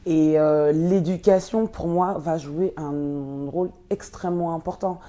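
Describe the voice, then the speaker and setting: A young woman who grew up in Belgium and was born in Congo, answering interview questions with many pauses and fillers. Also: sits low, fairly even intonation, mellow. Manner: hesitant, many fillers and restarts. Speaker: guest, nonprofit co-founder.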